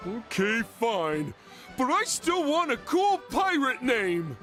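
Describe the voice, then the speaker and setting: A man's voice: very high voice, huge pitch swings, takes it slowly, fairly bright tone, soft background music, full character voice. A man voicing a dim, childishly demanding cartoon starfish in a video game, whiny and literal-minded. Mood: sulky.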